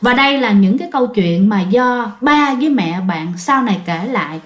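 Woman narrator, Southern Vietnamese accent, chatty storyteller who speaks to her listeners, slightly high voice, roomy echo. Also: animated, normal speed. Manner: chatty, often addresses listeners directly. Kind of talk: casual spoken storytelling.

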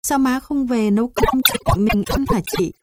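A woman's voice: a little high, normal speed, pitched above the performer's own voice, lightly acted. A woman voicing a small hungry boy who pleads and asks after his mother, in a noisy recording. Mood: pleading. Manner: whimpering, pleading questions.

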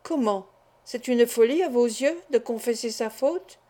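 Brief: indignant young man confessing, read by a woman, soft warm tone. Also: on the high side, a little slow.

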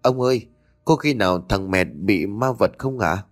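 A man's voice: fairly low pitch, moderate pace, faint music behind, close to an everyday voice. A man voicing a timid, frightened village boy who talks to his grandfather in a fearful, pleading way.

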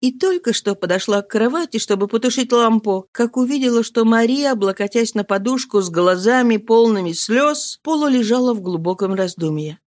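A woman narrating a classic novel in a measured, expressive way. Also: a little high, no room sound, clean studio sound.

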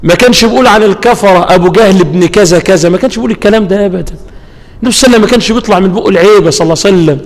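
High-voiced Egyptian preacher in a reverberant hall. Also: male voice. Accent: Egyptian Arabic. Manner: asks the audience rhetorical questions and answers them himself; recites scripture slowly and drawn out. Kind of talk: Egyptian colloquial sermon.

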